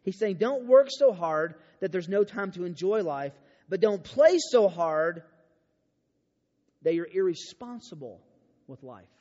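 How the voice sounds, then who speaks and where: A man preaching a sermon at a youth camp, animated and storytelling, moving from hushed to emphatic. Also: high-pitched, a little slow. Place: large church auditorium. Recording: dull sound with long hall reverb.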